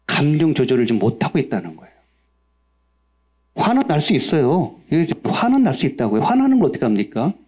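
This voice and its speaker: With a dark, mid-range voice, a male pastor delivers a sermon in which he quizzes the congregation and responds to his own questions. He also dramatizes angry outbursts in a raised voice.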